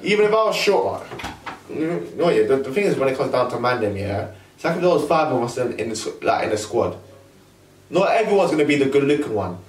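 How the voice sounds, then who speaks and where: A young man talks in a London roadman accent, slangy and casual, like storytelling among friends. His voice is mid-pitched and sits back from the microphone in a noticeably roomy, echoing space. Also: fast, a little hiss or hum. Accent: London roadman, multicultural London English. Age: young adult. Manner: slangy, animated storytelling with quoted asides. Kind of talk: casual chat. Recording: roomy echo, distant from mic.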